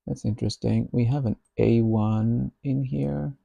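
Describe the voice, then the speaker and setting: A man thinking aloud while he codes, musing slowly and half to himself. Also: mid-range voice, steady tone, gravelly, dark tone, husky, no room sound. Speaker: software developer.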